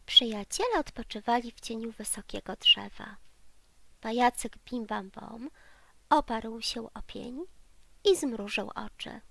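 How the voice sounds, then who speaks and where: A woman narrating a children's audiobook in a gentle, drawn-out voice that often drops into soft whispers. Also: on the high side, animated, gravelly, no echo. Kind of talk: storybook reading for children.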